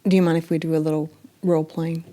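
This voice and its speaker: A woman's voice: deep voice, level tone, fast talker, dark tone. A woman hosting a podcast interview, asking direct questions in a conversational way. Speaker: podcast host.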